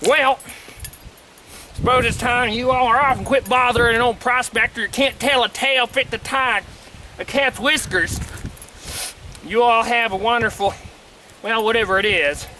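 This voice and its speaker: An actor playing an old, boastful gold prospector who rambles in a folksy drawl. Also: male voice, very high voice, steady tone, normal speed, long pauses, bright, forceful tone, a little hiss or hum, rough recording. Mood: rambling. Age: older.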